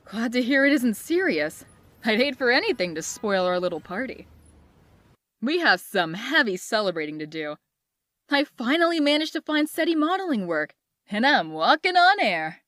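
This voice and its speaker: Woman playing bubbly, flirty Mary Jane, wildly animated. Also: a little high, moderate pace. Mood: flirty, upbeat. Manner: playful, theatrical, teasing. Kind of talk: comic dub voice acting. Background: music.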